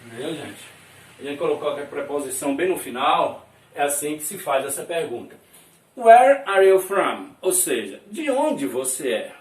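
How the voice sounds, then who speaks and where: A man from Brazil teaches English vocabulary at a moderate pace, his voice on the high side with a darkish tone and big pitch swings. He repeats phrases and checks on students often, heard through a distant mic in an echoey room.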